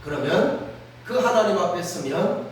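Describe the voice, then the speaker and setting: Man, pastor, sermon, high-pitched, earnest, rhetorical prompts, distant mic, faint background noise. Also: expressive, a little slow. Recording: very echoey room, mic at a distance.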